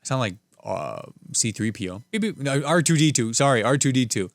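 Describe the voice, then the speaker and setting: Smooth-voiced man riffing solo on the news. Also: mid-range voice, expressive, fairly quick, no echo. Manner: sarcastic, rambling, jokey asides. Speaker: podcast host. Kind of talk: solo comedic news commentary.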